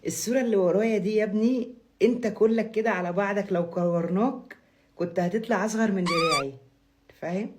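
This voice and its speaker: A woman's voice: mid-range voice, fast, background noise. A woman with an Egyptian accent talking casually to camera in a boastful, defiant way.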